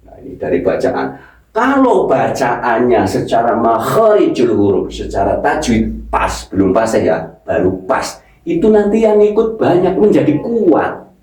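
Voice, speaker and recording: A man gives a slow, patient recitation lesson, drilling syllables one by one. His voice sits at a middle pitch. It is picked up from a distance in a very echoey room. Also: darkish tone. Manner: slow, repeats syllables and corrects pronunciation. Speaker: Quran recitation teacher.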